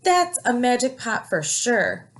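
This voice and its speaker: A woman's voice: on the high side, big pitch swings, takes it slowly, voice pushed up. A big, naive young helper from a children's storybook, acted out by a woman reader. He is eager and simple, with a careless streak.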